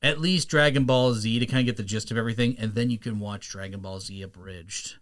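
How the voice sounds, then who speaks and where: A man in his thirties hosting a casual podcast, animated and quick to break into cartoon character impressions. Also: lowish voice. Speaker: podcast host. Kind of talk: casual chat.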